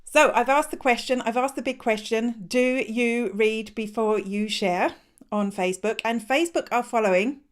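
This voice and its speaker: A middle-aged woman hosting a live news show for small businesses, chatty and quick to laugh as she talks straight to her viewers. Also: a little high. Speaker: host.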